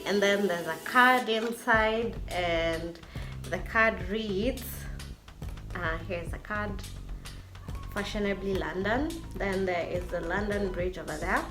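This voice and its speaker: A woman vlogger chatting casually to camera in an effusive way, often repeating words for emphasis. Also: medium pitch.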